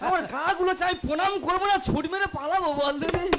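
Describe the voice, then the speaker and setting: A man playing a crude, cocky young son-in-law in a folk stage comedy, bantering fast and cursing. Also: very high-pitched, a crowd in the background. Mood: mocking. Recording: live stage mic with clear noise.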